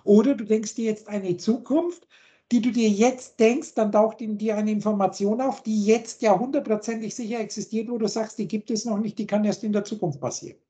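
The recording is muffled as a woman on a video call lectures about word roots, listing word after word with its meaning. She speaks a little fast in a medium-pitched voice that is steady and warm.

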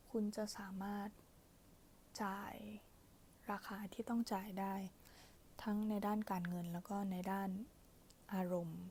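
A woman reading aloud and explaining in soft ASMR pillow talk, often slipping toward a whisper. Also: medium pitch, steady tone, a little slow, pauses often, a little hiss or hum. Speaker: bedtime reader, translator of a book.

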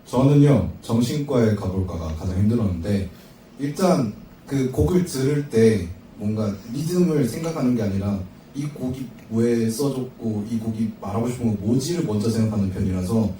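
Man, band member, reflective answer, very dark tone, heavy hall echo. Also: medium pitch, lively intonation, moderate pace, slight background noise. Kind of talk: live showcase Q&A. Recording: very echoey hall from a distance.

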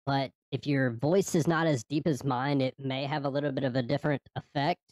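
A man whose deep voice is shifted up by a voice changer's high "female" preset. The result still doesn't sound like a natural woman's voice. He talks in a plain, explanatory way, and the sound is dry and close. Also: fairly even intonation, a little fast, darkish tone, no echo. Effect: high-pitched "female" voice changer preset. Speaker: tech reviewer. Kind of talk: casual product demo.

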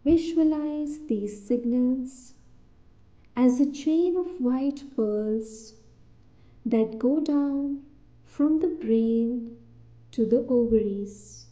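A woman narrates a scripted guided meditation, soothing and deliberate, pausing between short phrases. Her voice is high-pitched with a dark tone, and the sound quality is lo-fi.

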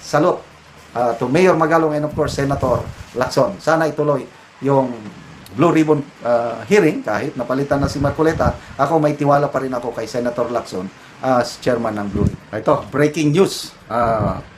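A man's voice: mid-range voice, moderate pace, a little hiss or hum, low-quality recording. A man with a Filipino accent giving casual, opinionated political commentary and mixing English phrases into his talk.

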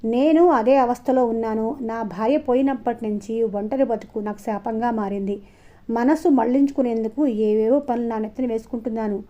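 Woman voicing lonely old widower, earnest and anxious, mellow voice, dull lo-fi audio story. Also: fairly high pitch, steady tone, fairly quick, natural voice.

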